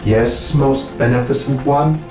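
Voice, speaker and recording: Robotic cyborg servant, machine-filtered voice, slow and flat, heavy echo, distant under game music. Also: male voice, mid-range voice. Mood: dutiful. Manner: flat, dutiful, robotic delivery. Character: obedient male cyborg servant, mechanical and droning. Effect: echoing machine-like voice filter. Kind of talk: video game unit voice lines.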